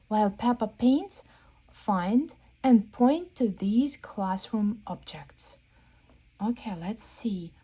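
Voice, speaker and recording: Reading a picture book to young children, this read-aloud host uses a mid-range voice with a dark tone and a breathy edge. She keeps things playful with question-and-answer, urging listeners to look, and repeats simple phrases and questions suited to small kids.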